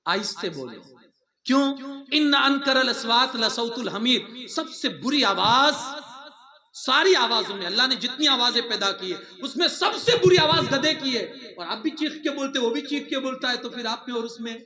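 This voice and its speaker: A man from India giving a lively sermon to students, mixing laughing asides with raised, emphatic lines. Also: very high voice. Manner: animated preaching with laughing asides, raising his voice for emphasis. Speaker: religious teacher.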